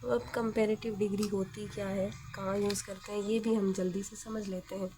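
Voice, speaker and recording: Walking her students through grammar step by step, a woman teacher speaks in a soft, mellow, mid-pitched voice with a level tone, a little fast yet patient. She asks questions and answers them herself, and there's a slight hiss or hum.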